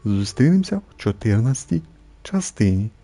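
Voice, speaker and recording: A young man casually commenting on a game he just played, complaining at length, repeating himself and filling pauses with hesitations. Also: mid-range voice, big pitch swings, mellow. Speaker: gameplay streamer.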